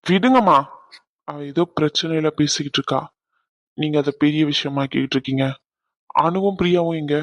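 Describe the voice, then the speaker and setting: Woman doing a young guy doctor, calm and placating, lower voice. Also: normal speed, long pauses, natural voice. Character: young male doctor, calm but defensive. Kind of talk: cartoon dubbing.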